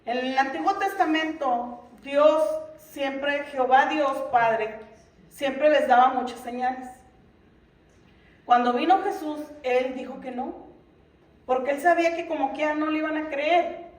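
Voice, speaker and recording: A high-pitched woman teaches a Bible lesson in an earnest, questioning way. She is heard from a distance across a roomy church hall with a lot of echo. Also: a little slow. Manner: earnest, with many rhetorical questions to the congregation.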